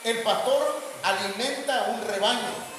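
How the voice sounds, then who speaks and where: A Mexican pastor, a man with a fairly high voice, preaches to his flock, filling pauses with "eh" and punctuating points with amen. His voice rings through a hall with long, heavy reverb, over a faint background hum. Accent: Mexican Spanish. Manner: addresses congregation as hermanos, frequent amén and fillers. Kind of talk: sermon. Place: church hall.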